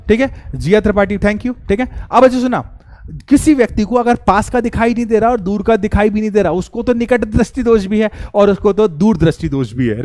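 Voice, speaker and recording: A male teacher runs a live online lesson with a fairly high voice, recorded close and dry. He keeps throwing questions at his students and repeats key words so they stick. His manner is casual and direct throughout. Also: a little mellow, dry recording. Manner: addresses students directly, chatty and informal. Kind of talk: live online class lecture.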